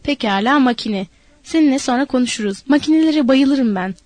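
A woman's voice: high-pitched, animated, a little fast, a little mellow, no echo. A woman voicing a scornful young ranch wife who talks down to the men with cold threats. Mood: mocking.

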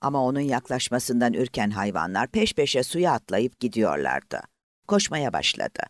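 A male narrator performs scripted narration of a novel, measured and expressive. His voice sits in the mid range, with a dry, clean studio recording.

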